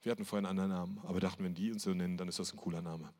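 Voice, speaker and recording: A man's voice: low voice, steady tone, rapid-fire, darkish tone. A male pastor giving a sermon, telling stories with emphatic repetition. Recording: long hall reverb.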